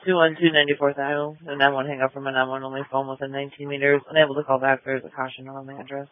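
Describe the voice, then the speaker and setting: A man's voice: medium pitch, no room sound. A man working as a police dispatcher, reading out calls in clipped radio talk, heard over a police radio. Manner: rapid, flat, matter-of-fact delivery. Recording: tinny, dry radio transmission.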